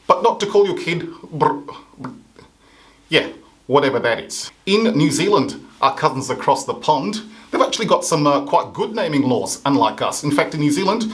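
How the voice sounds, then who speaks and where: An African man hosting a comedy show delivers a sarcastic, satirical monologue full of punchy mock outrage, his voice sitting a touch high.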